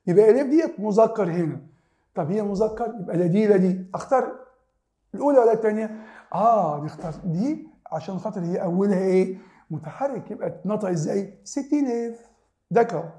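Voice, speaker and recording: A man's voice: high-pitched, warm tone, reverberant. A man with an Egyptian Arabic accent teaching a French lesson. He asks rhetorical questions, answers them himself and repeats the key words. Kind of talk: classroom explanation.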